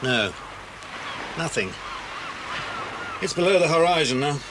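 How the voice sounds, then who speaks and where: A calm, protective family friend in a children's cassette drama. His voice is fairly high for a man and moves with lively intonation. He sounds avuncular and reassuring, over clear background noise. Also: unhurried. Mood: calm, watchful. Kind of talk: children's audio drama acting. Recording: noisy old cassette dramatisation.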